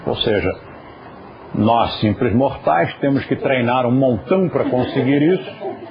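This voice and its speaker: A man's voice: medium pitch, a little slow, a crowd in the background. A man teaching a yoga class, patiently explaining pronunciation and turning aside to talk to viewers at home. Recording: dull lo-fi recording.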